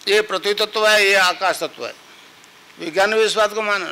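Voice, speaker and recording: An older man speaks as a spiritual teacher at a gathering. His voice sits high and sounds very bright and sharp. He instructs patiently, chants short mantras over and over and keeps asking whether his listeners follow him. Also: fairly even intonation, moderate pace, low-quality recording. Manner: instructive, repeats mantras, asks listeners if they understood. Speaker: spiritual guru.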